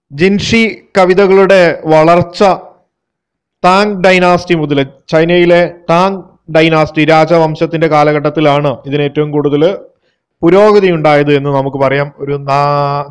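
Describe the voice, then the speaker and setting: Slow, careful Malayali male teacher. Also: a little high, clean tone, rough recording. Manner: explains in Malayalam, then reads English lines slowly. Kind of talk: lecture mixing Malayalam and English.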